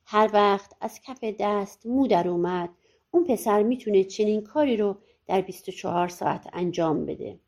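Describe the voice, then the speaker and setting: A woman's voice: medium pitch, darkish tone, pitched below the performer's own voice, natural voice. A woman voicing mocking royal courtiers in a storybook audiobook.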